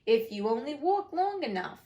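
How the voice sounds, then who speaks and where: A woman plays a mischievous, grinning cat from a storybook, quite mad and fond of teasing. The pitch swoops in a lively way, and words are stretched out for emphasis. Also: normal speed, lo-fi sound. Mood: teasing, breezy.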